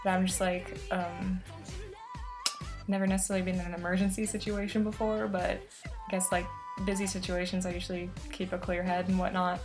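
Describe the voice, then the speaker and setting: Over music, a roughly twenty-year-old woman vlogs as a student, recounting an experience in a casual, meandering way and frequently breaking off mid-thought. Her voice is on the low side, flat in delivery and fairly quick.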